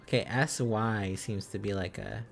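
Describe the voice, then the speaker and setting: A lowish, steady voice with vocal fry marks this man, who speaks at a measured pace over soft background music. He's streaming a casual lesson while learning Korean script live. He reasons aloud, going back over phrases and syllables to work out letters and words.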